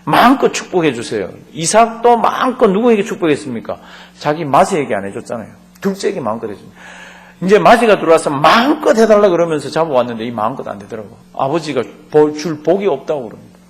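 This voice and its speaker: A man's voice: on the high side, big pitch swings, fast. A man, a pastor, teaching a Bible study class, reading verses aloud and explaining them conversationally while asking the class questions. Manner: asks the class questions and leads group reading.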